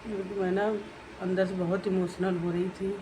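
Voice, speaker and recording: Soft, even-toned woman vlogger. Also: fairly low pitch, moderate pace, noisy background. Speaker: vlogger and mother. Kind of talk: casual vlog narration.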